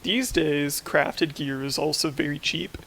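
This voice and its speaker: A man's voice: on the high side, a little slow, vocal fry, pushed and bright. A man co-hosting a podcast, adding brief, matter-of-fact remarks in a casual chat. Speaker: podcast co-host.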